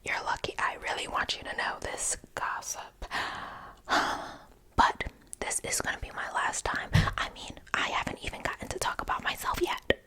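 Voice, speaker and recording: A woman in a whispered role-play, whispering a secret as a gossipy ear-cleaning attendant confiding in a client. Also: normal speed. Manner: whispering a secret, hushed and conspiratorial. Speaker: ASMR performer.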